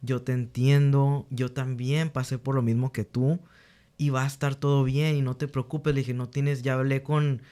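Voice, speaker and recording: Warm and level, a young man's medium-pitched voice moves at a normal speed. Interviewed as a guest teacher, he tells earnest, candid stories about his students, playing out their conversations and restarting his sentences often.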